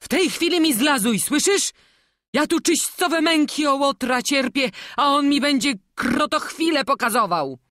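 A woman's voice: a little high, animated, unhurried, a bit bright, no room sound, clean studio sound, voice pushed up. A woman voicing an anxious older male master woodcarver in an audiobook, fretful and scolding. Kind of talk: audiobook character reading.

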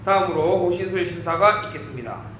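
A man's voice: high voice, fairly quick, fairly bright tone. A man working as a taekwondo instructor, calling out formal commands and counts in a clipped, commanding way. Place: indoor taekwondo training hall. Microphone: distant camera microphone. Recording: echoey hall from far off, faint noise.

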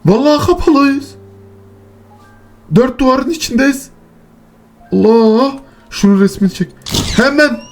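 A man's voice: very high voice, measured pace, long pauses, faint music behind. A man hosting a horror game let's play, talking to his viewers, muttering nervously and swearing and shrieking when startled. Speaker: gaming channel host.

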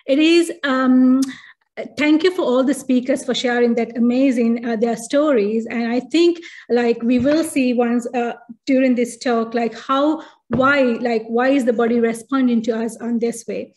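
High-voiced Sri Lankan woman lecturing online. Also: fairly even intonation, a little slow, darkish tone. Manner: explanatory, many fillers and restarts. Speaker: neurologist giving a talk. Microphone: video call.

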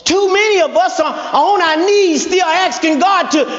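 High-voiced man preaching in an echoey hall. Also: moderate pace. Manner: call-and-response preaching with shouted emphasis; folksy, conversational phrasing. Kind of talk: sermon. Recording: echoey hall, dull lo-fi sound.

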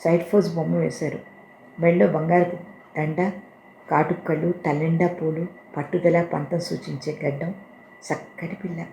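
Woman narrating a story, lowish warm voice, roomy echo, faint hiss. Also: gravelly. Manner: calm, measured, reflective. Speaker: story reader.

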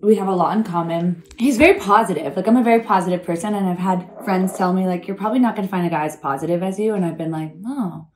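A woman's voice: lowish voice, fast, few pauses, a little mellow, a little hiss or hum. Enthusiastic chatty young woman. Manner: enthusiastic, storytelling, lots of "like". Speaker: friend. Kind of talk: casual chat.

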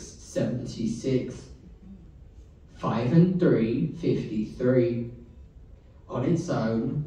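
Male bingo caller, deep mellow tone, unhurried sing-song delivery, distant roomy sound. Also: a little hiss or hum. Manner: steady sing-song number calling, repeating each digit pair. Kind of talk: calling bingo numbers. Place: large bingo hall. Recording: echoey hall, voice from far off.

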